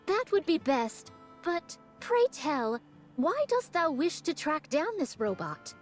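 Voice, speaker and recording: A woman's voice: sits high, big pitch swings, slow pace, soft background music, exaggerated voice. A woman voicing a game swordswoman who talks in old-fashioned courtly speech and is eager for duels. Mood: stately. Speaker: game character. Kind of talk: game voice acting.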